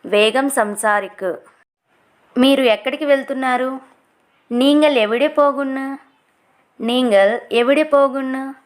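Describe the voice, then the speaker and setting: A woman teaching short everyday phrases, saying each one twice slowly and then explaining it word by word. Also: high voice. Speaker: language teacher. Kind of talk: slow repeated phrase lesson.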